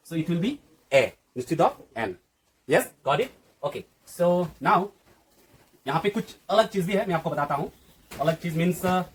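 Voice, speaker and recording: A man's voice: on the high side, breathy edge. A man teaching an English grammar lesson who keeps asking the viewer questions and answering them himself. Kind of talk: classroom-style lesson.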